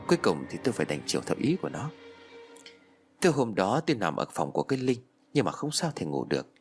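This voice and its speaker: A man narrating a first-person ghost story in a lively, dramatic storytelling manner. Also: on the low side, fast, slightly rough, faint music behind.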